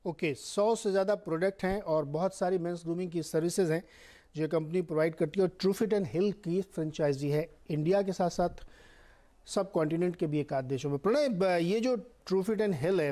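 A man anchoring a business news interview in a TV studio, asking measured questions with drawn-out fillers. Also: sits high, warm tone.

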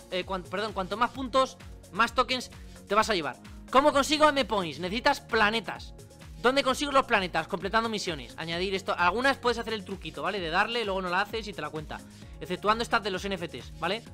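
Chatty bright-voiced man explaining. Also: high-pitched. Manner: chatty, informal, many asides and tag questions. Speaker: crypto channel host. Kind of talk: screen-recorded tutorial.

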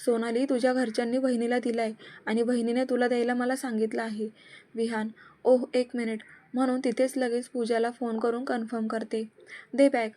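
A woman narrating a serialized love story and reading all the characters' dialogue in one steady voice. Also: on the high side.

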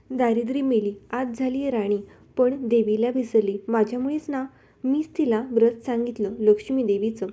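A proud old beggar woman from a devotional storybook, wrathful and scolding, her lines flaring up loud and sharp, as a female narrator puts her on. The voice sits fairly high yet stays mellow and warm underneath. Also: roomy sound. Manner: scolding, indignant outbursts.

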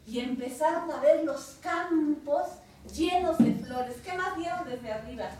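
Lively Mexican Spanish woman storyteller. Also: high-pitched, unhurried. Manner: expressive, asks the children questions. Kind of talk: live storytelling to children. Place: community cultural center room. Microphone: distant microphone. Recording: echoey room, distant mic.

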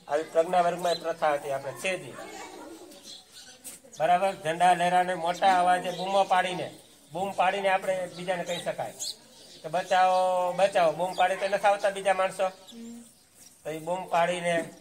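High-voiced schoolteacher. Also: male voice. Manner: asks the class questions and answers them himself; keeps checking in with the class. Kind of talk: classroom lesson for schoolchildren.

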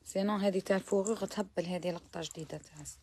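Fast-talking Algerian woman selling abayas. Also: fairly low pitch, fairly even intonation, dark tone, husky. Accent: Algerian Arabic. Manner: chatty, mixes French words, praising each garment. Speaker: abaya shop seller. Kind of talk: live shopping try-on walkthrough.

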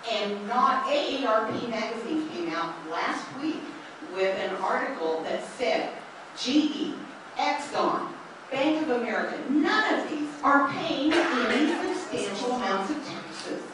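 A woman's voice: on the high side, big pitch swings, unhurried. A woman in her fifties, an audience member at a town hall, questioning pointedly. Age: 50s. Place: public meeting room. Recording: echoey hall from far off, noisy.

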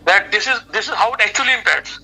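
A man's voice: sits high, fast, bright, forceful tone, poor audio. A middle-aged man with an Indian accent explaining things emphatically as an expert guest on a phone video call. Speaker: expert guest, education adviser. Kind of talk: explanatory interview talk. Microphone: video call on a phone speaker.

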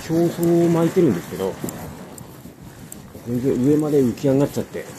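A man's voice: mid-range voice, sing-song, brisk. A man fishing from a rocky seashore, explaining his catch and lure technique to viewers in a casual running commentary, recorded on a body-worn camera. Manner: chatty, explains technique to viewers while reeling. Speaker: fishing vlogger. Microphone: body-mounted action camera. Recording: windy seaside with wave noise. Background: wind and crashing waves.

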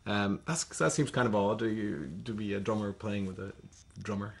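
A man interviewing a guest on TV, asking halting, hesitant questions. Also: on the low side, creaky.

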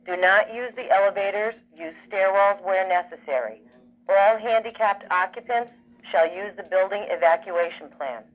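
Muffled woman giving an evacuation order. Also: medium pitch. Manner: formal, measured, instructing. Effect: played through a fire alarm speaker. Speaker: evacuation announcer. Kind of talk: pre-recorded scripted evacuation order. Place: small alarm speaker on carpet in a room, phone recording. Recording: dull, noisy alarm speaker playback.

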